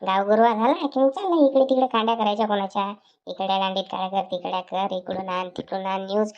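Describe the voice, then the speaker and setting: A woman's voice: mid-range voice, darkish tone, dull audio, lightly acted. A woman voicing a grumpy grown village man. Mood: irritated scolding. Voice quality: scolding, coarse, rapid grumbling.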